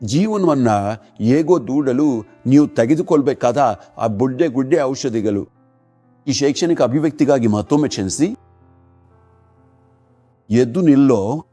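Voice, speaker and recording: A man's voice: mid-range voice, expressive, normal speed, warm tone, faint music behind. A man delivering a dubbed sermon voice-over in an earnest preaching manner. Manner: earnest preaching, repeated commands.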